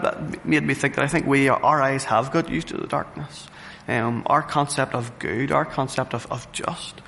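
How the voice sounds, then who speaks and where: A man's voice: medium pitch, gravelly, a bit bright. A man preaching a sermon, earnest, repeating phrases for emphasis and often restarting his sentences. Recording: reverberant hall with faint ambient noise.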